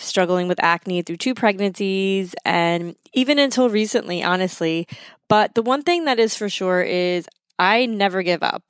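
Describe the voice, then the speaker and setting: A woman's voice: lowish voice, clean tone, no echo, studio quality. A woman in her thirties hosting a solo podcast, talking in a chatty, conversational way from her home. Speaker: podcast host. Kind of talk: casual solo podcast talk. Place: indoors at home, recorded in a basement.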